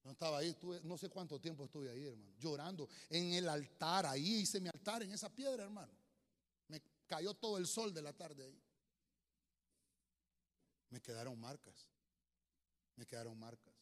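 A man's voice: a little high, fairly quick. Man preaching in a reverberant hall. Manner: storytelling with humor, swings from loud to hushed. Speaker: pastor. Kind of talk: sermon. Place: church hall.

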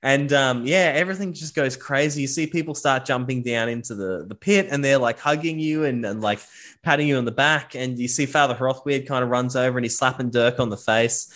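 Guy running a tabletop game, middle pitch, rambly, lots of uhs. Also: a little fast, fairly bright tone. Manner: loose storytelling with many fillers. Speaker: game master.

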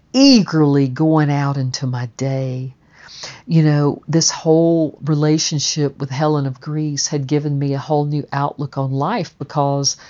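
A woman's voice: low-pitched, darkish tone. A woman telling a personal story in a chatty, rambling way, full of fillers and restarts. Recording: dull, muffled audio.

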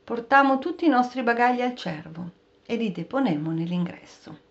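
A woman narrating a story aloud as an audiobook reader, in a steady, expressive storytelling manner. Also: on the high side, normal speed. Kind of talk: scripted narration. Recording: dull, muffled recording.

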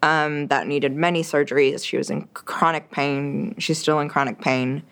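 A young woman from Quebec, French her native tongue, talks casually in an interview with plenty of fillers and restarts. Her low voice is clear, resonant and fairly bright, with fairly even intonation at a normal speed.

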